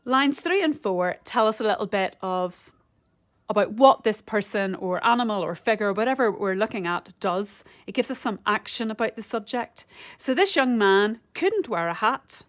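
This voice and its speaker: A woman teaches a recorded home-learning lesson. She sounds out rhythms and counts syllables slowly and carefully, as a primary school teacher does. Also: medium pitch, expressive.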